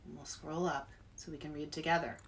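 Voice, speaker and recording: With a deep voice and a brisk delivery, a woman hosts an animated children's read-aloud as the author, speaking directly to young listeners.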